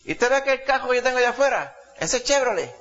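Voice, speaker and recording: A man voicing a humble old male churchgoer who tells a dream in a lively, high, strained way. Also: fast. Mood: earnest. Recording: dull lo-fi recording.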